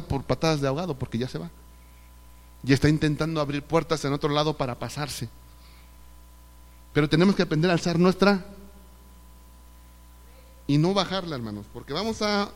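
Animated Mexican pastor preaching in a reverberant hall. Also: male voice, a little high, fairly quick, long pauses. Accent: Mexican Spanish. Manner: animated preaching, rhetorical questions, acting out quoted voices. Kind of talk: sermon. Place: church service hall. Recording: live recording with long hall reverb.

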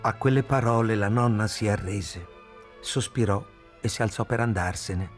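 Male narrator, low voice, measured reading, faint music behind. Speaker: reader. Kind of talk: scripted audiobook narration.

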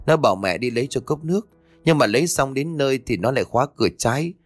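A man's voice: mid-range voice, lively intonation, fast, no echo, faint music behind, lightly acted. A man voicing an older, superstitious mother-in-law with a fretful, knowing way of talking. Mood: frantic. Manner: fretful, knowing folksy talk.

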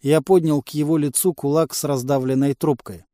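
Mellow-voiced male audiobook narrator. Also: fairly high pitch, steady tone, fairly quick, no room sound, clean studio sound. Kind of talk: first-person audiobook narration.

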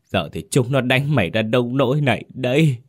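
A wailing, heartbroken peasant mother, put on by a deep-voiced male narrator. Her voice climbs high and shrill as she scolds and mourns in an audio ghost story. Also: animated, brisk, close to an everyday voice. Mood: wailing grief. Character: grieving poor peasant mother, older woman.

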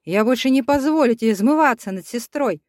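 A woman's voice: on the high side, expressive, brisk, no room sound, voice pushed up, lightly acted. An anguished, protective young brother, as a woman narrator voices him in a storybook reading. His lines come out strained, in a dry and close sound. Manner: anguished, shouting.

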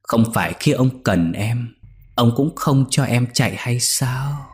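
A man doing a young woman ghost, slow, teasing, whispery, slightly raised voice. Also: mid-range voice, expressive, pitched above the performer's own voice. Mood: teasing menace.

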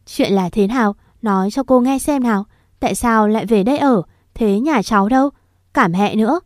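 A woman's voice: a little high, moderate pace, no echo, clean studio sound, close to an everyday voice. A woman voicing a caring but stern young aunt who scolds and questions children.

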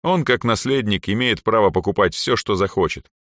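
A man's voice: on the low side, normal speed, fairly bright tone, no room sound, studio quality, lightly acted. A man voicing a sly, cheerful young trickster in a storybook reading, light and knowing.

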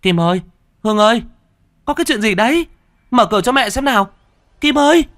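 A man doing a shrill frantic mother. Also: expressive, fairly quick, fairly bright tone. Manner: shrill, pleading, then cursing. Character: frantic middle-aged mother, shrill and scolding. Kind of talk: storybook character voice.

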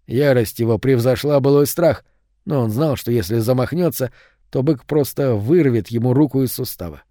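A man's voice: mid-range voice, normal speed, dry recording. Male audiobook narrator, dry sound. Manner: steady storytelling.

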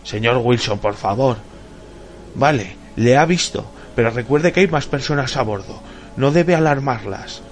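Man voicing a stern pilot, firm warnings, raised voice, gravelly, audiobook. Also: mid-range voice, measured pace, soft background music, pitched above the performer's own voice, natural voice. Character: stern male airline pilot, firm and controlled.

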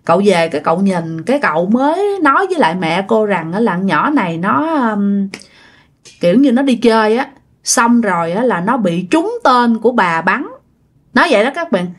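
A woman narrates a ghost story casually and chattily, speaking directly to her listeners. Her mid-range voice is sing-song and slightly rough, at normal speed.

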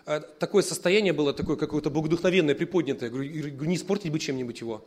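A man preaching a sermon as pastor, telling stories in a lively way, with loud emphatic bursts and quiet asides. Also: fairly high pitch, very fast.

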